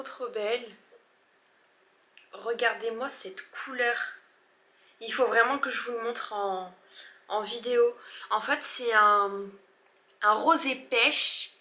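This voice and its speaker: A woman's voice: medium pitch, sharp tone. A woman in her twenties casually showing off her beauty purchases, chatty and hesitant, full of fillers and restarts, gushing over the products. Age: 20s. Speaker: beauty vlogger. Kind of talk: casual haul vlog.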